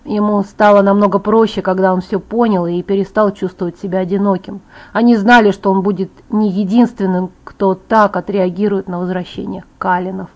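A woman voicing a teenage werewolf boy in an audiobook, explaining things in a calm, wry tone. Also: mid-range voice, a little fast, lightly acted. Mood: earnest. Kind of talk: audiobook character voice. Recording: dull lo-fi audiobook file.

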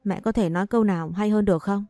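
A woman's voice: mid-range voice, steady tone, quick pace, dark tone, no room sound, studio quality, natural voice. A woman reading the lines of a possessive young wife who clings to her husband, in an audio story. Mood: pleading, bitter.

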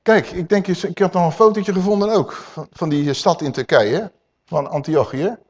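Emphatic male preacher, slightly high voice. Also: normal speed, highs cut off. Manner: emphatic, swings between loud and hushed; addresses listeners warmly as dear people. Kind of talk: sermon.

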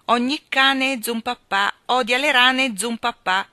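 A woman reading aloud and voicing a carefree, playful young king, her voice lifted and excited. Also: medium pitch, fairly quick, no echo. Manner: bright, raised, excited voice.

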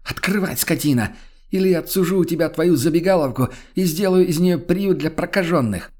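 A man voicing a furious stranded townswoman in an audiobook, yelling hoarse, insulting demands. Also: on the high side, moderate pace, voice pushed up, lightly acted. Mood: shrieking furious. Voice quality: hoarse shrieking. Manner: yelling, insulting, banging on the door. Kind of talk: audiobook character voice.

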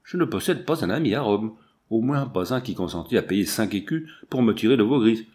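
A man reading the part of a young English painter held captive, answering calmly and wryly. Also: fairly low pitch, brisk, close to an everyday voice. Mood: resigned.

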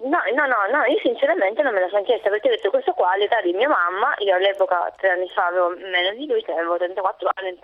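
A woman's voice: mid-range voice, quick pace, hardly any pauses. Sicilian woman caller on a tinny line. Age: 30s. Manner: hesitant, with many fillers and restarts. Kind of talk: recounting a personal story on a call-in show.

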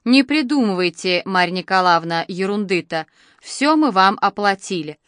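A woman voicing a bossy, fussy middle-aged woman who scolds and shouts orders. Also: medium pitch, animated, normal speed, no echo, close to an everyday voice. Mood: chiding. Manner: loud, scolding, exclamatory.

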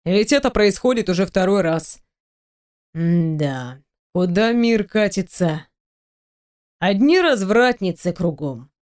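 A woman voicing a teasing, domineering male boss in an audiobook, speaking low, slow and mocking. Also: animated, a little mellow, natural voice.

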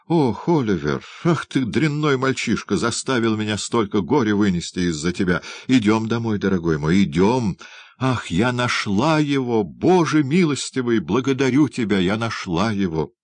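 A man's voice: on the low side, lively intonation, a little slow, no room sound, voice pushed up. A man voicing a wailing, tearful young woman. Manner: loud, wailing exclamations.

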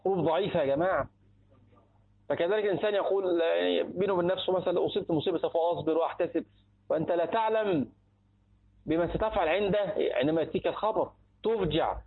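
A man's voice: high voice, quick pace, slightly rough. A man with an Egyptian accent gives a religious lesson on a hadith text, often posing a question and answering it himself. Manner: asks rhetorical questions and answers them himself. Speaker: Islamic teacher explaining a hadith text. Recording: tinny phone-like recording.

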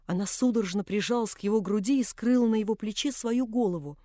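A woman reading a literary novel aloud as an audiobook narrator, in a measured, expressive way. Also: medium pitch, no echo, studio quality.

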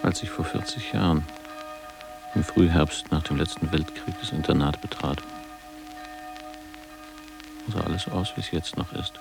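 For a radio drama, an actor with a deep, gravelly voice plays a reflective, ageing former boarding-school pupil, narrating his memories in a measured, literary manner. Music plays in the background and the recording is rough.

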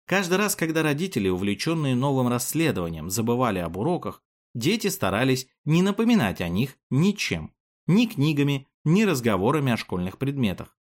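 Guy reading a kids story, lively up and down voice, really expressive. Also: mid-range voice, a little fast. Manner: expressive, animated. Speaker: narrator. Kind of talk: storybook narration.

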